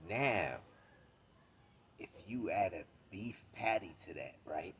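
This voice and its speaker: A man's voice: low-pitched, animated, slow pace, a bit bright. A man in casual banter, emphatic and swearing freely, repeating himself to make his point. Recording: dull lo-fi sound with faint noise.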